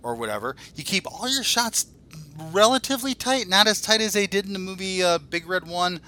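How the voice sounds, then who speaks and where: A podcast co-host in his forties rants casually, blunt, profane and irreverent. His high voice is expressive and sharp, moving fairly quickly.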